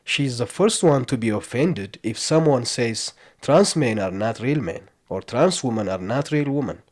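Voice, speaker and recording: Male commentator, measured voice-over, mid pitch, lecturing tone. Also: lively intonation, a little mellow. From outside the US. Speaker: reaction commentator.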